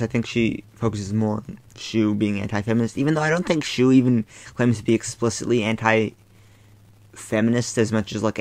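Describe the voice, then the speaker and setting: A man's voice: lowish voice, gravelly, a little mellow, no room sound. A man in his bedroom, talking casually and with exasperation in a rambling commentary vlog full of fillers. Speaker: YouTube commentator.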